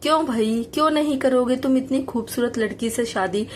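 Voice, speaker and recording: A woman's voice: high voice, normal speed, a little hiss or hum, natural voice. A woman doing a kindly amused stranger.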